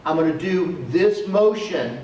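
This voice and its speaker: A man's voice: on the high side, lively intonation, measured pace, a little mellow, muffled recording, a little hiss or hum. A male martial arts instructor explaining self-defense techniques step by step while he demonstrates them, recorded outdoors. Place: outdoors on a cement area. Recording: echoey, distant camera audio.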